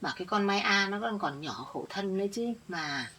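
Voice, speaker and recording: A woman's voice: medium pitch, expressive, moderate pace, sharp tone, slightly rough. A middle-aged woman playing a village woman who earnestly insists she is telling the true story. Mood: sympathetic. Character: older village woman defending her family. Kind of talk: village family drama acting.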